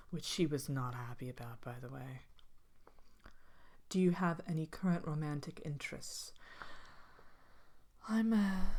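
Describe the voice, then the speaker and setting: With a rumbling low voice, a woman plays a vain, haughty evil queen in an ASMR fairy-tale roleplay. She speaks softly and disdainfully, languid and droll, with hesitant pauses and some whispering.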